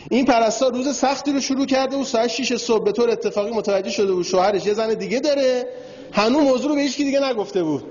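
A man's voice: very high-pitched, a little mellow. A man giving a religious lecture, telling a story and speaking directly to his audience. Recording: dull lo-fi recording in a reverberant hall.

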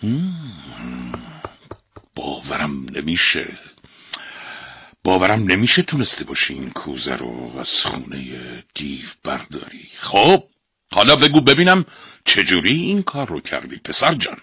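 A man's voice: low-pitched, breathy edge, no echo, clean studio sound, exaggerated voice. A man voicing a ruler who praises and gives orders to a clever boy in a storybook tale. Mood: amused. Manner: commanding, lively. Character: amused commanding ruler, male, older.

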